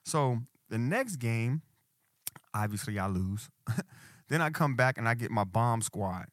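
A man's voice: medium pitch, very animated, unhurried, fairly bright tone, no echo, clean studio sound. A middle-aged man co-hosting a podcast, telling stories in casual chat full of slang and quoted friends. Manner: laid-back storytelling with slang, quoting friends. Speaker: podcast co-host.

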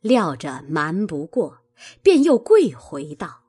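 A woman narrating a classical novel with expressive, dramatic storytelling. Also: lowish voice, slow, husky.

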